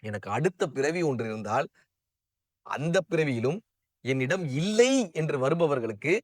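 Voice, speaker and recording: A man's voice: medium pitch, expressive, normal speed, no echo, studio quality, lightly acted. A man voicing a generous dying male warrior, solemn and humble as he pleads. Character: generous dying warrior Karna asking a boon.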